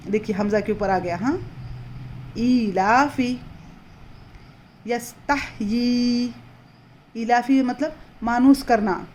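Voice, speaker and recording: A woman teaching Quran reading in a patient, explanatory way, repeating words slowly and drawing them out. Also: mid-range voice, darkish tone, slight background noise. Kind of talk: slow explanatory lesson.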